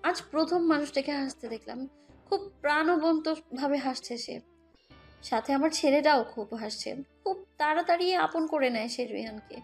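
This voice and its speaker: Over background music, a high-voiced woman tells a first-person romantic audio story at normal speed, reading from a script as narrator while also playing the heroine.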